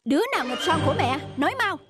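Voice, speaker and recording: A performer voices a strict, quick-tempered young stepmother in a children's cartoon, scolding sharply in a high voice with big swings in pitch. Loud music plays behind the voice.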